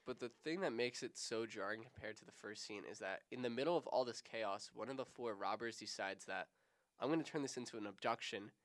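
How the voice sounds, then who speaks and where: A man's voice: lowish voice, fairly quick, hardly any pauses, fairly bright tone. A man in his twenties co-hosting a podcast, chatting casually in a rambling, laid-back way. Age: 20s. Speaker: podcast co-host. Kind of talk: casual chat.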